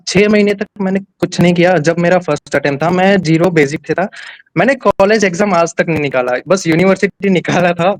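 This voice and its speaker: A young man from Gujarat, India, a nurse who topped his exam, tells his story in a casual interview, speaking candidly and plainly with many restarts. His voice sits high, and the low-quality recording has no room sound.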